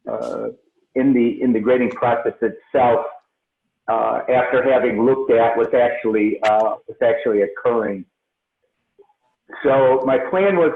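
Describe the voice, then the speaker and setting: A man presenting on a remote call, his voice echoing as if in a tunnel or underwater, speaking hesitantly with many filler pauses. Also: medium pitch, vocal fry. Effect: echoing tunnel sound, as if underwater. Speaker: presenter at a meeting. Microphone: remote call from a computer. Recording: echoey tinny video-call audio.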